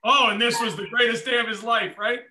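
A male host chats casually with his guest and adds playful, teasing remarks. His voice sits high and sounds very bright. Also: steady tone, a little fast. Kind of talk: casual interview chat.

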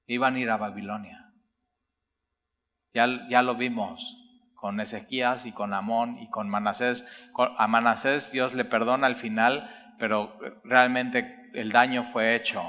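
A man's voice: medium pitch, sharp tone. Preacher man in a reverberant hall. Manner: reads scripture aloud then explains, addresses listener directly. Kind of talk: sermon.

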